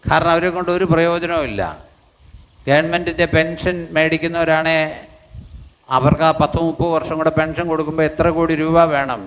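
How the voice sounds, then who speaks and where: A man's voice: on the high side, little pitch movement, brisk, fairly bright tone, a little hiss or hum. An older man, preaching a sermon emphatically and repeating lines for the congregation. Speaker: pastor. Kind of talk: sermon with congregation reading scripture.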